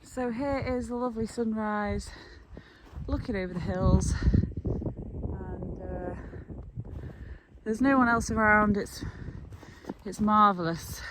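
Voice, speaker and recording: A soft-spoken woman farmer talks quietly into a camera outdoors on a frosty farm, reflective and a touch out of breath. Her voice sits at an ordinary middle pitch. Faint outdoor noise hums behind her. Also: takes it slowly. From England. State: a little out of breath. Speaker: farmer and vlogger. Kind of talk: casual outdoor vlog narration.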